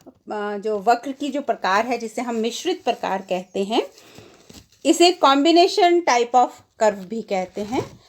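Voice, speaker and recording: An Indian-accented woman delivers a classroom lecture in a high voice. She moves at an unhurried pace and says each key term in two languages. Her delivery is patient and methodical. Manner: explains slowly, repeats terms in two languages.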